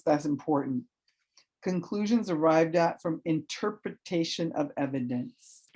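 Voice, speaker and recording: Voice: medium pitch, darkish tone. A college professor giving a recorded online lecture in a loose, conversational way, often checking in with "right?" and "okay". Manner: loose and informal, with fillers and restarts.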